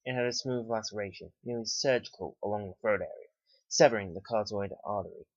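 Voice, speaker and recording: A man reads a first-person horror story in a calm, unhurried manner. His voice sits on the low side and sounds dry and close, with a slightly dull, lo-fi quality to the recording. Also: no room sound. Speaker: narrator.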